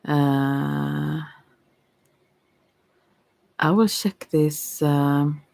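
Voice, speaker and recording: Speaking very slowly in a low-pitched, steady, darkish voice with vocal fry, a middle-aged ASMR tarot reader drifts through a rambling, informal chat. She stays close to the mic, her manner hesitant and meandering, punctuated by giggles.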